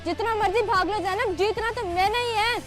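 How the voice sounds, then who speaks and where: Woman as a smug cheating sister, very high, home drama with music. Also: fairly quick. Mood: scheming. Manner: sly, boastful. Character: scheming competitive sister who cheats to win. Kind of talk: amateur family drama. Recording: music behind.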